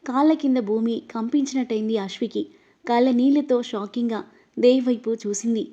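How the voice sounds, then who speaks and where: A woman reading an emotional novel aloud as narrator, voicing every character herself and getting louder in the angry lines. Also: on the high side, brisk. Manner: reads all the characters, her voice rising louder in angry lines. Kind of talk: scripted story narration. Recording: dull, lo-fi audio.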